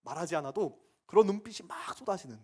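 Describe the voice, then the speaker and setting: A man's voice: sits high, expressive, fast, darkish tone, slightly rough. A young man preaching a sermon, telling stories with acted quotes and laughing as he goes. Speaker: ministry staff preacher.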